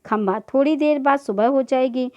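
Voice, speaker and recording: A woman's voice: high-pitched, normal speed, darkish tone. A woman teacher reading a children's play aloud to a class, voicing each character's lines in turn. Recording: dull lo-fi recording.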